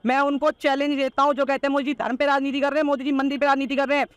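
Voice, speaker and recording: A man's voice: extremely high pitch, flat delivery, racing, dry recording. A teenage boy giving political opinions in a street interview, rattling them off all in one breath in a combative, insistent way, with repeated points and rhetorical challenges. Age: teenager, not yet of voting age.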